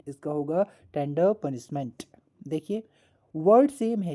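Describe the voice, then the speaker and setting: Dark-voiced woman teaching a lesson. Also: sits low. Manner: repeats words slowly, asks the class questions. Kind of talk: classroom lesson explanation.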